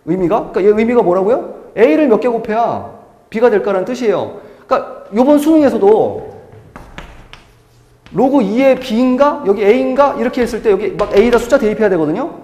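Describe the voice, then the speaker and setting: Guy teaching math in a big echoey classroom, high voice jumping all over, keeps repeating stuff and asking then answering. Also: animated, moderate pace, darkish tone. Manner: emphatic, repeats key words, asks and answers own questions. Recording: echoey classroom with long reverb.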